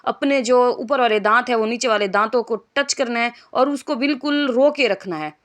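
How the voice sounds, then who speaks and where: A woman teaching a Quran reading lesson in speech, drawing out letters and vowel marks one by one, then explaining patiently. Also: fairly high pitch. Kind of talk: spelling out syllables in a reading lesson.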